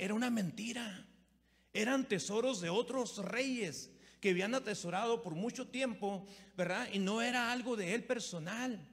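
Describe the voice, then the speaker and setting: A middle-aged man, a pastor preaching a sermon that moves from storytelling to emphatic, repetitive exhortation. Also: sits high. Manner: storytelling, rising to emphatic preaching with repeated words. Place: church hall. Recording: long hall reverb.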